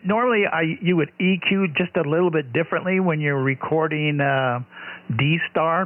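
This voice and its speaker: A man talks casually over a slightly mistuned sideband radio link, his voice pitched a bit high. He halts and restarts often, filling gaps with fillers. The sound is thin and tinny, squeezed into a narrow radio band. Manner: halting, with many restarts and fillers. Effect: slightly off-frequency sideband radio voice. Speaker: amateur radio operator. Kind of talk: casual on-air radio chat.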